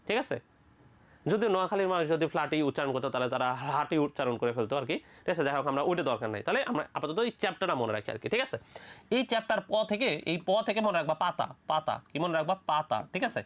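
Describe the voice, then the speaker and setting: A teacher from Bangladesh giving a lively medical admission biology lecture, repeating each question, answering it, and checking in with the students again and again. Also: medium pitch. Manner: colloquial, playful asides.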